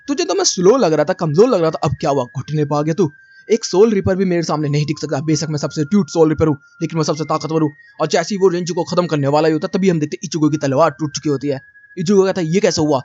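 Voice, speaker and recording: Fast-talking man recapping anime, lo-fi sound. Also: fairly high pitch, darkish tone. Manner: chatty, addresses viewers as brother, slangy asides. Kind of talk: casual spoken recap narration. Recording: dull lo-fi recording.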